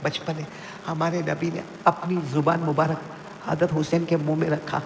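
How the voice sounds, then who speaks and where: A man preaching an impassioned sermon at a live gathering, prompting the seated crowd to call back praise and swinging between soft pleading and high cries. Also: little pitch movement, gravelly, background noise. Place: religious gathering before a seated audience. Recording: echoey hall with long reverb, faint ambience.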